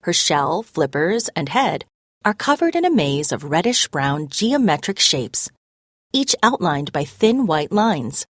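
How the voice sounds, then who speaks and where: Here a narrator, a woman, voices a children's tale at a deliberate, expressive pace. Her pitch sits fairly low but moves with plenty of energy, captured in a close, dry recording.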